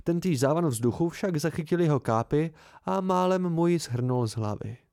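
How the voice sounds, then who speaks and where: Calm mellow male narrator. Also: on the high side, dry recording, studio quality. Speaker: amateur audiobook reader. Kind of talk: first-person novel narration. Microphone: home recording.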